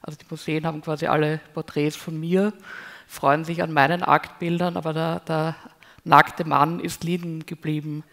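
A woman's voice: low voice, flat delivery, normal speed, a bit bright. A woman in her forties, an artist speaking candidly as a guest in a panel discussion on a handheld mic in a large hall. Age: 40s.

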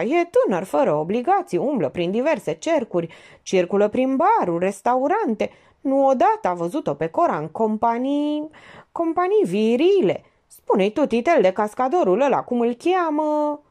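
Woman reader doing a smug preachy notary, pitched up, lively swoops, audiobook. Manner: theatrical, preachy, sentimental. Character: pompous middle-aged male notary, sanctimonious schemer. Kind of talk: audiobook character voice.

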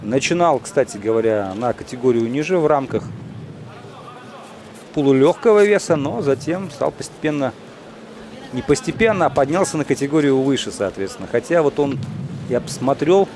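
A man giving live boxing commentary in measured, short phrases with pauses. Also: medium pitch, expressive, darkish tone.

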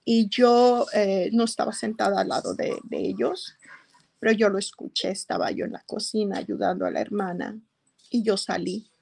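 A middle-aged woman giving an emotional personal testimony, telling her story slowly with hesitations. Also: mid-range voice, fairly even intonation, gravelly, a little mellow, slightly rough. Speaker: interviewee.

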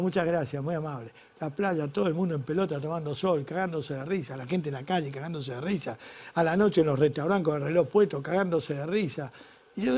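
A man's voice: a little high, vocal fry, a little mellow. A middle-aged man with an Argentine Rioplatense accent, telling a crude, exasperated stand-up comedy story. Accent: Argentine Rioplatense Spanish.

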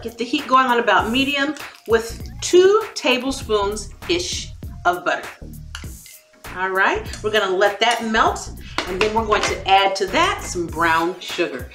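A woman in her forties hosting a cooking demonstration in a home kitchen, chatty and encouraging, laughing between steps. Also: mid-range voice. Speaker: cooking show host. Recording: echoey kitchen with soft background music.

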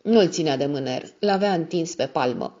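A woman narrating an audiobook in a steady, even reading style. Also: low-pitched. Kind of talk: scripted narration. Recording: dull lo-fi audio.

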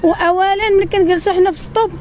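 A woman with a Moroccan accent giving a street interview, talking in an agitated rush full of halting restarts. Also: extremely high pitch, fairly even intonation. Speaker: interviewee, tissue seller. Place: outdoors on a city street.

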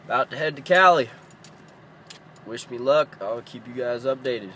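A young man talking casually to his phone camera on a road trip, relaxed and offhand while he is a bit under the weather. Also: medium pitch, normal speed, a little hiss or hum. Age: young adult. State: sick. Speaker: vlogger. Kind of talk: casual travel vlog. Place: car, campsite and tent. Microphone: phone held at arm's length.

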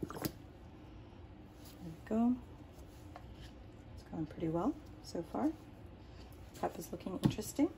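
Pausing often and speaking a little slowly, a woman with a fairly low voice, vocal fry and lively intonation hosts a painting tutorial in her home studio. Arabic is her first language, and she rambles through her explanation with many ums and restarts. The indoor recording has a noisy background.

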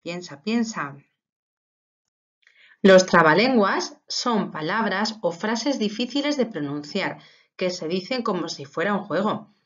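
A woman teacher giving a recorded lesson to young schoolchildren, playful and expressive as she recites riddles and tongue twisters. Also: medium pitch, slow, muffled recording. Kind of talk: recorded remote lesson for children.

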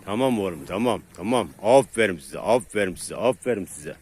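A man filming his dogs outdoors, talking casually to his viewers and calming the dogs with repeated words. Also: fairly low pitch, brisk, very noisy. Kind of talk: casual vlog commentary to viewers. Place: outdoors in a rural area.

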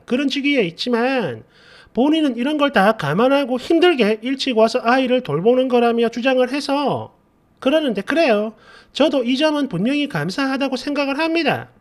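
A man narrating a community post in the first person, in a conversational, complaining storytelling manner. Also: very high voice.

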